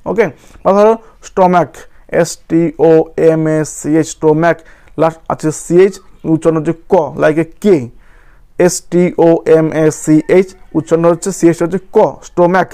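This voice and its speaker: Man, grammar teacher, spells letter by letter, mellow tone. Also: a little high, fairly even intonation, moderate pace. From West Bengal. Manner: spells words out letter by letter, often asks "clear?". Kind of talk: grammar lesson.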